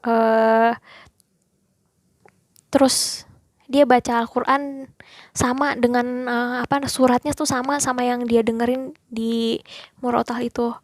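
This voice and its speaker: A woman's voice: a little high, level tone, slow pace, long pauses, no room sound, studio quality. A young woman student telling a personal story in a casual, hesitant way, often speaking to viewers as friends. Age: young adult.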